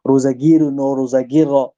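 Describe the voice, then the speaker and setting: A man's voice: medium pitch, flat delivery, warm tone, muffled recording. A man with a Tajik accent giving a religious lesson, reading from a book and explaining each quoted verse in earnest, emphatic tones. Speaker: religious teacher.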